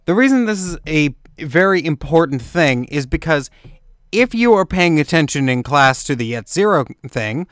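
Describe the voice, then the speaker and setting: A man's voice: mid-range voice, a bit bright, clean tone, dry recording, clean studio sound. Casual rambling young man explaining. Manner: rambling, informal, swears casually, stresses points by repetition. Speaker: amateur occult teacher.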